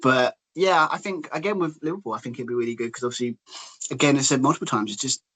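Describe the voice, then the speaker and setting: A man's voice: medium pitch, fast talker, fairly bright tone. A man co-hosting a casual football podcast, talking in long rambling runs full of hedges and restarts. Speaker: podcast co-host.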